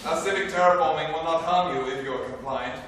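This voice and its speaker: An actor in a stage play playing a grandiose alien prince villain who hijacks a broadcast to make mock-kindly proclamations. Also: male voice, a little high, fast talker, a bit bright. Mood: proclaiming. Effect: hijacked broadcast transmission. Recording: echoey hall from far off, audience noise.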